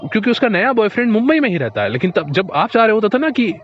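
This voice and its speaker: A man delivers a motivational monologue in a casual, direct manner, speaking to the listener as a friend and circling back over his points. His voice sits a little high. The recording is dull and lo-fi. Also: big pitch swings, quick pace, a little hiss or hum.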